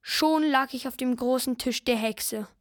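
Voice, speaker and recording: A woman's voice: sits high, a little slow, no echo, clean studio sound. A woman voicing a frightened, guilt-ridden boy who narrates earnestly in the first person. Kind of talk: radio play narration.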